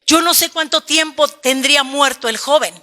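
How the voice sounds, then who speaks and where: A woman's voice: high-pitched, moderate pace, pushed and bright. A woman preacher giving an emphatic sermon, repeating phrases and calling her listeners brother.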